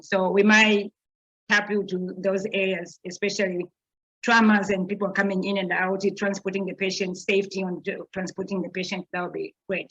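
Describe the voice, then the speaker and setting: Woman hosting a video call meeting. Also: medium pitch. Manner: calls on people by name, encouraging. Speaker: meeting host. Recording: dull lo-fi call audio.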